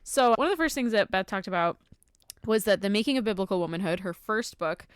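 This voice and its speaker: A woman's voice: mid-range voice, animated, fairly quick, clear, resonant tone, no room sound, studio quality. A woman hosting a podcast, recapping in an informal, giggly, chatty way. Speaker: podcast host. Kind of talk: casual chat, recapping a talk.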